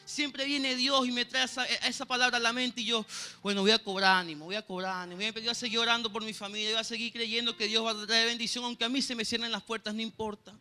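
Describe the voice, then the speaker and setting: Faint music sits under this sermon by a church pianist, a man with a Venezuelan Spanish accent telling his personal testimony. His pitch is extremely high and flat, and he talks fast with hardly any pauses, in a pushed, bright voice. Earnest throughout, he often breaks off to ask "¿sabe, hermano?"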